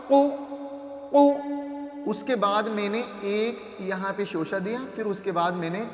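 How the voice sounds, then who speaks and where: High-voiced man teaching letter sounds, echoey. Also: fairly even intonation, a bit bright, soft background music. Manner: drills letter sounds, repeats each syllable, asks and answers his own questions. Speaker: Quran reading teacher. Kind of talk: slow classroom recitation lesson. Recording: echoey roomy reverb.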